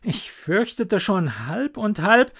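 A man's voice: sing-song, slow, a bit bright, breathy edge, full character voice. A man voicing a poor, humble young gardener in a storybook, speaking eagerly and gratefully in a raised voice. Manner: eager, grateful, high-pitched.

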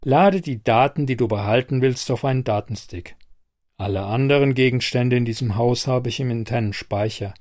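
A man doing a calm, firm android woman. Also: medium pitch, normal speed, dry recording, clean studio sound, lightly acted. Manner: calm, firm, matter-of-fact. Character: cool female android bodyguard, unshakably determined.

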